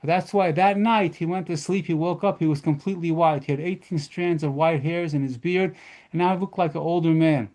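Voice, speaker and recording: A rabbi telling lively stories at a model seder lesson, mixing in Hebrew terms. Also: male voice, fairly high pitch, a little fast.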